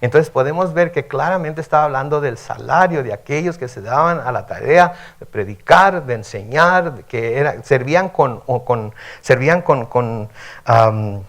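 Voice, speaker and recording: Giving a midweek sermon, a male pastor reads scripture aloud and explains it conversationally, often tagging "¿verdad?" to check in with the congregation. His mid-range voice is animated and fairly bright, at a normal speed.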